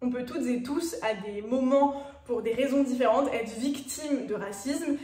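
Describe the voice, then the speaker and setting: A French YouTuber in her twenties with a Parisian accent chats to her viewers in a casual personal vlog, using plenty of fillers. Her voice is fairly high, a little slow and dark in tone, and the mic is distant, giving a roomy sound.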